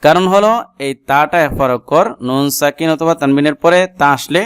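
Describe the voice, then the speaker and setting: A Bangladeshi-accented man whose first language is Bengali gives a Quran reading lesson, spelling out letters and vowel marks, explaining each tajweed rule, and chanting the Arabic verse melodically. His voice is on the high side, a little fast, clear and resonant, in clean studio sound with no echo.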